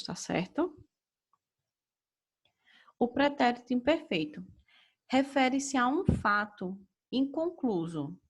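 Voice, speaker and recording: A young adult woman with a Brazilian Portuguese accent, a teacher giving a recorded grammar lesson in a measured, explaining way that keeps checking in with her students. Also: fairly high pitch, slightly rough.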